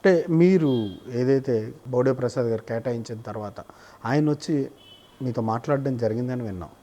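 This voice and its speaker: A man's voice: medium pitch, moderate pace, warm tone. A man interviewing, asking probing questions. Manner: probing, many short acknowledgements.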